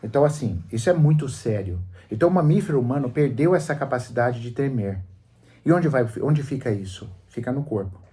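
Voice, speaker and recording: Brazilian man explaining on the radio, mellow. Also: mid-range voice, expressive, brisk. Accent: Brazilian Portuguese. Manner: didactic, storytelling, emphatic. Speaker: psychologist guest on a radio show. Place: radio studio.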